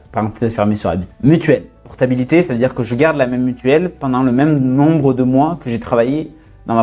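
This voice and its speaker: A young man talking casually straight to his viewers, with lots of fillers and quick asides about his work as a freelancer. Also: mid-range voice, warm tone. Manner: fast casual, many fillers, addresses viewer as "tu". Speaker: freelance content creator. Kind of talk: casual talking-head vlog.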